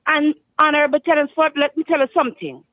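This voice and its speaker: A woman's voice: high voice, steady tone, fast talker, dry recording. Grenadian woman caller, emphatic and repetitive, heard through a tinny, clipped phone line. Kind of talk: call-in radio chat. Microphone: telephone.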